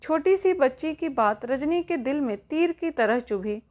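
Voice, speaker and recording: A woman's voice: high-pitched, animated, unhurried, a little mellow. A woman telling a family drama as scripted narration, reading evenly and speaking the characters' lines herself. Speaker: storyteller.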